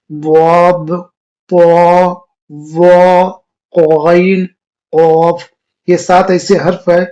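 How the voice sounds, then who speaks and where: A male Quran teacher giving a beginner lesson on the Arabic alphabet, explaining step by step and drawing out each letter slowly. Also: high voice, darkish tone. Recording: dull lo-fi recording.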